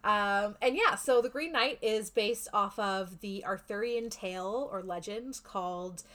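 A woman's voice: medium pitch, a little slow, fairly bright tone. Chatty woman podcast host. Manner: rambling, chatty explaining. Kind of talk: casual podcast chat.

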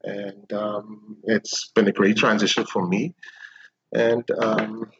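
A Bahamian man in his fifties with a fairly low, husky voice, explaining things at a measured pace, filling gaps with ums. His voice sounds dry and dull, like muffled lo-fi call audio. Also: level tone, no room sound. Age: 50s. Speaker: real estate agent guest. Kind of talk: remote interview.

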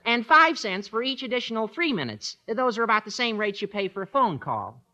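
A man playing an eager, scheming teenage schoolboy in old radio comedy, squeaky and self-important. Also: big pitch swings, brisk, pushed and bright, full character voice. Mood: businesslike.

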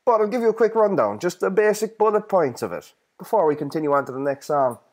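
Higher-voiced North Kerry Irish man, irreverent podcaster. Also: expressive, quick pace. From North Kerry, Ireland. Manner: irreverent, sweary, slangy. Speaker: host of a music podcast. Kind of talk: casual solo podcast talk.

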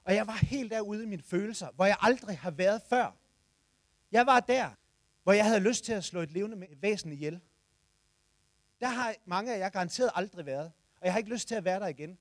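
Guy in his 40s with a high voice, animated storytelling, dry sound. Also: dry recording. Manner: animated storytelling, shouts in the tense moments. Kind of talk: personal anecdote told to listeners.

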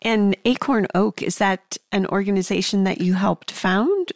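A woman interviewer asking curious, gently probing questions. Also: medium pitch, a little slow, no room sound, clean studio sound.

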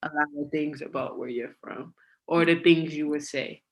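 A woman from Connecticut, a professional athlete, answering interview questions in an easygoing, unhurried way. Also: low-pitched, fairly even intonation. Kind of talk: casual interview.

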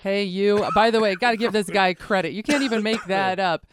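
A woman's voice: medium pitch, brisk, heavy background noise. A woman hosting a radio show, chatty and enthusiastic, speaking straight to her listeners.

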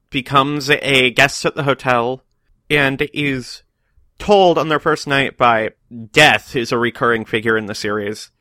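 Bright-voiced man explaining on a podcast. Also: medium pitch, dry recording. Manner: informative, explaining facts with small restarts. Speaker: podcast host. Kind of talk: casual podcast chat.

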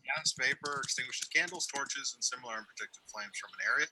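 A man's voice: mid-range voice, a little fast, pushed and bright, a little hiss or hum. A man's voice as a game master reading out rules, heard a moment late as a digital echo from a live stream playing back into the call. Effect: delayed digital echo of his own voice from a live stream played back.

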